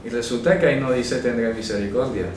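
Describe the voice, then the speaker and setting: A man leads a Bible study class, voice set at an ordinary middle pitch. He spells out Hebrew phrases slowly and keeps checking that listeners follow. The recording is very echoey, with the mic far off and faint noise behind. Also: a little mellow. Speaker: Bible teacher.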